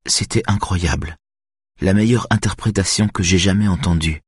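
A man's voice: sits low, normal speed, breathy edge, no room sound, studio quality. A man voicing a stern, grieving mother who speaks in short, clipped bursts. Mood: tender. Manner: sharp, clipped and tearful.

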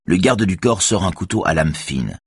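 A man narrating a thriller audiobook in a measured, even reading. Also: sits low, slightly rough, no echo, clean studio sound.

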